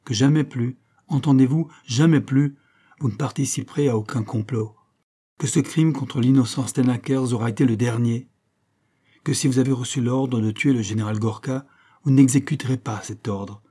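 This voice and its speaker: A man reading the part of an earnest young nobleman who speaks gravely and insistently. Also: medium pitch, normal speed, warm tone, lightly acted.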